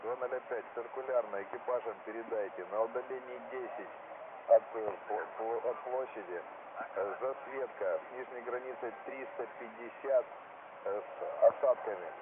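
A man's voice: mid-range voice, phone-quality sound. Man over crackly two-way radio. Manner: halting, with filler sounds. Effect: two-way radio transmission. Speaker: radio dispatcher. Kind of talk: clipped radio procedure. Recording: crackly band-limited radio with static.

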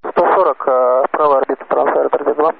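A man's voice: medium pitch, fairly even intonation, fairly quick, vocal fry. A man speaking as an airline pilot in clipped readbacks over a radio transmission. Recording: tinny cockpit radio with faint noise.

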